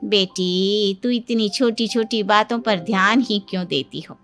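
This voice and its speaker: A woman voicing a caring mother in a cartoon story, giving gentle, soothing advice. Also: medium pitch, measured pace, faint music behind. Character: caring mother, calm and advising.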